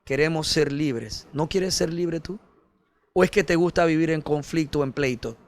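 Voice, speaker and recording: Preaching at a normal pace, this man speaks as a pastor, earnest and emphatic. He addresses the congregation directly as brother, his delivery moving between powerful high points and quiet, low stretches.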